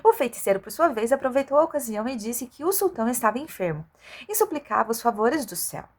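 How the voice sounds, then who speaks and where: A woman's voice: a little high, big pitch swings, quick pace. A woman reading a children's adventure novel aloud as an audiobook, expressively, with the odd stumble of an amateur reader.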